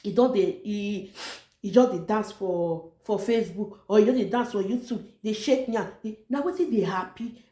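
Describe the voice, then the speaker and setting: A woman's voice: a little high, dark tone. A woman with a Nigerian accent speaking Nigerian Pidgin, giving an informal motivational talk in an emphatic, repetitive, exhorting way. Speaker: online motivational vlogger. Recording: echoey room.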